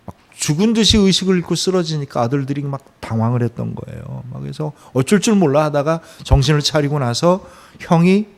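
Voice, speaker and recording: Korean pastor preaching with swelling emphasis. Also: male voice, fairly high pitch, expressive, gravelly. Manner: storytelling with acted quotes, rising to emphatic peaks; drops to soft, slow phrases. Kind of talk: sermon.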